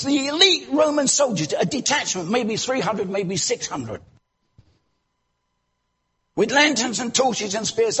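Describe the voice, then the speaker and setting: In a church, a male preacher gives a sermon in a voice that's unusually high and very husky. His pitch swings widely, climbing into loud exclamations and sinking low as he poses rhetorical questions to the congregation.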